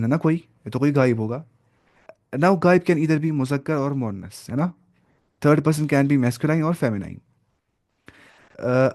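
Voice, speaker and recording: A man's voice: mid-range voice, a little mellow. A man teaching Arabic grammar in a lecture, asking his students questions and answering them himself, with English terms mixed in. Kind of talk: classroom lecture.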